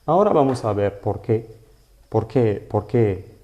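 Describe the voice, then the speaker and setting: A man teaching a live online lesson in Spanish, explaining slowly and patiently and often checking that his students follow. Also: fairly low pitch, animated, highs cut off. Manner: slow, patient explaining with frequent "¿vale?" checks. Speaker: Arabic teacher.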